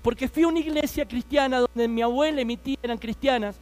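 A man's voice: extremely high pitch, quick pace, darkish tone. A man in his thirties with an Argentine accent, telling his life story as a fervent preaching testimony and speaking straight to his listeners. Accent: Argentine Spanish.

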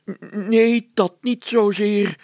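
A man's voice: high-pitched, steady tone, takes it slowly, darkish tone, no room sound, voice pushed up. A man voicing a pompous male mayor who moans and stammers over a bitten leg. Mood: wailing. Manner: whimpering, stammering, wailing.

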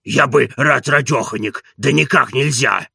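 A man's voice: medium pitch, unhurried, creaky, sharp tone, slightly rough, no room sound, studio quality, heavily acted. A man voicing an old, stubborn manservant who scolds and coaxes in a folksy way. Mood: grumbling.

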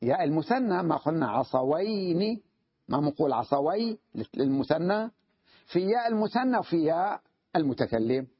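Husky male grammar teacher, lo-fi. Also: on the high side, very animated, dry recording. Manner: repeats key phrases slowly, checks understanding with questions. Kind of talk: classroom grammar lesson. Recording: dull lo-fi dry recording.

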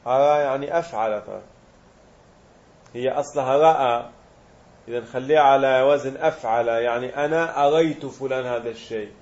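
A man's voice: medium pitch, brisk, darkish tone, lo-fi sound. A man teaching a grammar lesson, explaining step by step and quizzing his students.

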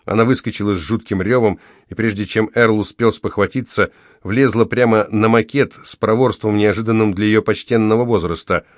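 A man reading a novel aloud in steady, measured scripted narration. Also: on the low side, no echo, studio quality. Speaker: audiobook narrator.

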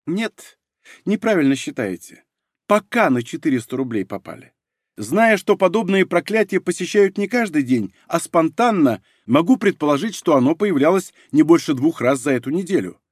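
A man's voice: fairly high pitch, sing-song, moderate pace, breathy edge, no echo, clean studio sound. A man voicing a shrewd, sarcastic young woman mage who haggles hard, in an audiobook. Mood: haggling.

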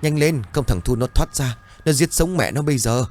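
A man's voice: medium pitch, moderate pace, darkish tone, faint music behind, pitched above the performer's own voice, close to an everyday voice. A man voicing a frantic villager urgently pleading and giving orders.

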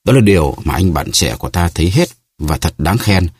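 A man narrating an audiobook novel in a steady storytelling manner. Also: deep voice, brisk, husky, no echo, studio quality. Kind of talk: scripted narration.

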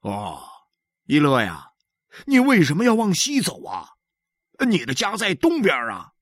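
A man voicing a kindly blacksmith who gently coaxes a crying boy to go home. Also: a little high, huge pitch swings, a little slow, no room sound, studio quality, voice pushed up, exaggerated voice. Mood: coaxing. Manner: gentle, coaxing.

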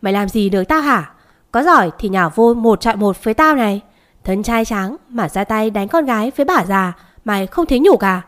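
Young male hero, calm and cocky, cool mocking taunts, done by a woman narrator. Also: medium pitch, fairly quick, lightly acted. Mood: taunting.

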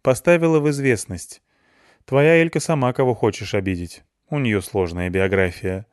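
A man's voice: mid-range voice, fairly even intonation, normal speed, no room sound, studio quality, lightly acted. A man voicing a blunt, dryly scolding older game developer in an audiobook.

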